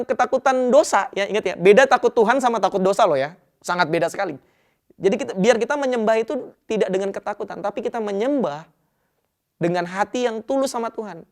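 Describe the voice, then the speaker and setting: A man's voice: high-pitched, expressive, brisk. A male pastor giving a sermon in a conversational, colloquial way, acting out prayers as he goes. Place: church.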